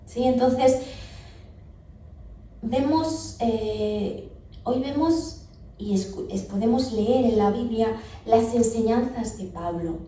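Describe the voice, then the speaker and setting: A woman's voice: a little high, mellow, a little hiss or hum. A woman with a Spanish accent preaching a sermon to her congregation. She stresses key words emphatically and asks the listeners direct questions. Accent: Spanish (Spain). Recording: echoey church hall, speaker far from mic.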